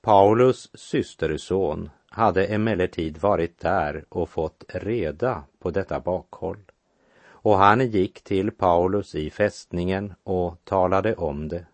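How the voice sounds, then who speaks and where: A man with a very low voice reads Bible passages and adds his own commentary between them. His delivery is measured and deliberate, and he slows down to stress the key lines. The recording is close and dry, with no room sound. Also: no echo. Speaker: Bible teacher. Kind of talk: scripture reading with commentary.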